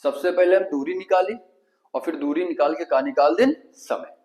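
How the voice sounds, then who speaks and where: On a low-quality recording, a man speaks at normal speed in a fairly high, darkish voice. He has a Kanpuri Hindi accent and is teaching an exam-prep math lesson, questioning the class and supplying the answers himself step by step.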